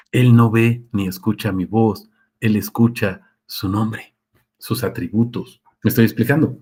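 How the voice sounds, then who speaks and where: A man with a lowish, darkish voice and a breathy edge preaches casually and takes questions. His sermon runs as a live Q&A, and he talks conversationally, often asks listeners things, and acts out quotes.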